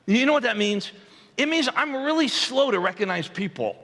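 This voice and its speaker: A man preaching a sermon, telling a self-deprecating story in a lively, humorous way. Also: very high voice, moderate pace. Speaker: pastor. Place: large church auditorium. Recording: long hall reverb in a church.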